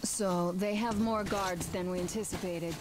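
A woman playing a capable young female soldier in a video game, earnest and brisk in her commands. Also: lowish voice, fairly even intonation, noisy background, close to an everyday voice. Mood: businesslike. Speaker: squad member giving a mission briefing.

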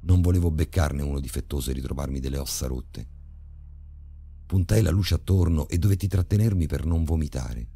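A man narrating a horror story in a measured, grave way. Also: very deep voice, warm tone, slightly rough.

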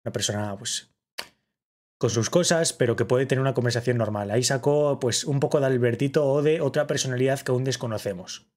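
Husky Spanish man reacting excitedly. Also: mid-range voice, fairly quick. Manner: excitable, shouts in mock awe, repeats himself. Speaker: streamer reacting to a clip. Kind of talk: casual reaction commentary.

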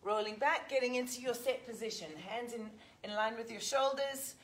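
Recorded by a fixed camera a few metres off in a big indoor gym, an English-accented woman in her forties counts out reps while exercising and leading a live session. She keeps a steady tone and moderate pace, her voice fairly high and a bit bright.

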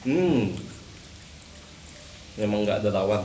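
A man's voice: fairly low pitch, lively intonation, slow pace, dark tone, distant mic, lo-fi sound, slight background noise. Man talking with mouth full of noodles. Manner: chatty, addresses viewers as guys. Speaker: mukbang vlogger. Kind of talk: casual eating vlog chat. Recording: echoey, off-mic, with music behind.

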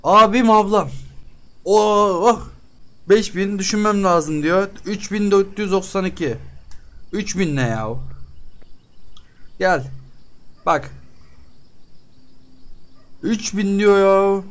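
A man's voice: high-pitched, takes it slowly, pauses often. A man hosting a game let's-play, chatting with the characters on screen as he haggles over prices and often bursts out in exasperation. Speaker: gaming channel host.

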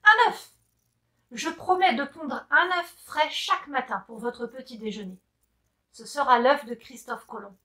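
A woman's voice: sits high, normal speed, bright, forceful tone. Woman voicing Carmela, a squealing little hen. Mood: pleading. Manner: squealing, breathless exclamations.

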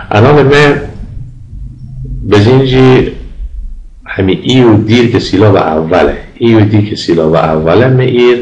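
A man with an Afghan Dari accent teaching English grammar as a lecturer, patiently repeating example words slowly for pronunciation. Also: deep voice, echoey room, poor audio. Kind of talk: recorded lecture.

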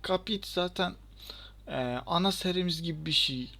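A young man giving chatty, excitable let's-play commentary and talking back to the game. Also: high-pitched, moderate pace, vocal fry, a little hiss or hum. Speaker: gaming channel host.

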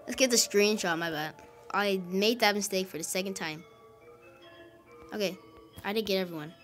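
A woman giving casual commentary over her gameplay. She gets excited quickly and grumbles at her teammates. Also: mid-range voice, faint music behind. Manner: excitable, quickly frustrated, calls teammates idiots. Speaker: gaming video host.

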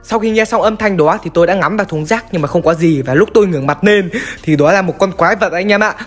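Soft music plays behind a high-pitched man speaking quickly. He is a gaming YouTuber narrating a horror story of his own based on a game, chatting directly to his viewers, whom he calls brothers.

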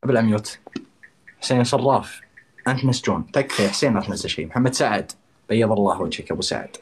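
A man's voice: on the low side, fast talker, a little hiss or hum. A man hosting his own live stream, rallying his supporters and calling out donors by name. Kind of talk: live-stream battle banter.

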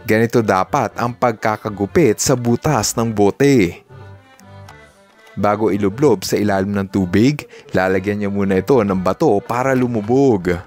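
A man hosts and narrates a scripted voice-over in a lowish, darkish voice at moderate speed, with faint music behind him. His upbeat commentary is sprinkled with Taglish asides and reactions.

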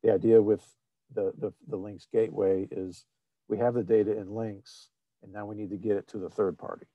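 A man presenting an online technical seminar over shared slides, explaining in a halting way with many fillers and restarts. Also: fairly low pitch, little pitch movement, no room sound, narrow, tinny audio. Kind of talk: screen-shared webinar presentation.

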